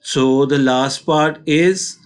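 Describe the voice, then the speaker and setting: A man's voice: medium pitch, steady tone, slow pace, clear, resonant tone. A man with a Pakistani accent teaching a maths lesson step by step, in a patient, instructional way.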